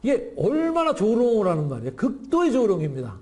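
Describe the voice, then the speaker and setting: Male lecturer, lively and blunt, mellow voice pitched a bit high, acts out lines as he teaches. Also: brisk. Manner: animated, acts out divine speech in blunt casual Korean; frequent restarts and repeated words. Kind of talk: Bible lecture.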